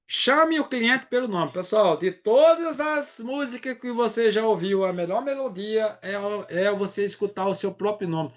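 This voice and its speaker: A man's voice: high voice, expressive, a little slow. A man from Brazil, giving a casual live sales training and often checking in with his audience.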